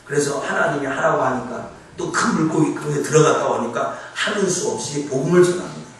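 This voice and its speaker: A male pastor delivers a sermon in a church sanctuary, conversational and animated, frequently putting questions to the congregation. His voice sits fairly high and moves a little fast, captured from a distance in an echoey hall with a faint hiss or hum.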